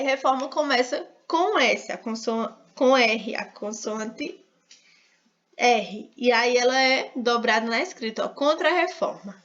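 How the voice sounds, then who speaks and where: A woman's voice: fairly high pitch, a bit bright. A Brazilian woman teaching an online writing lesson, explaining step by step and often checking with "né?". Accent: Brazilian Portuguese. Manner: explanatory, frequent "né?" and "e aí" fillers. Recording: dull lo-fi online class audio.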